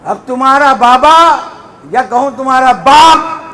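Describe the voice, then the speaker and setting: High, bright-voiced impassioned preacher. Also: male voice. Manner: impassioned, rising to shouts, drawn-out chanting of Arabic phrases. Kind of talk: Muharram majlis sermon.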